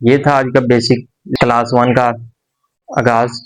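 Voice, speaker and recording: A man of average pitch teaching a beginner's language class. He explains step by step, slowly and patiently, pausing and repeating points as he goes. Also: flat delivery, rough recording. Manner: slow, patient explanation with pauses and repetitions. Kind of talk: explaining a lesson.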